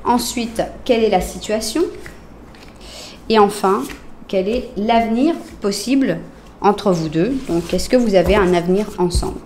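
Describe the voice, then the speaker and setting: A woman with a French accent doing a casual tarot reading, talking straight to her viewers with lots of fillers and often dropping to a soft murmur as she lays out cards. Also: mid-range voice, unhurried, a little hiss or hum. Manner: chatty, addresses viewers directly, many fillers. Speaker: tarot reader.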